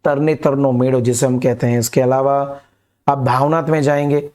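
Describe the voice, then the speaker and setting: A young teacher gives an animated classroom lesson, explaining directly to his students and slipping English words into his speech. His voice is medium-pitched and a little mellow, with fairly even intonation and a moderate pace.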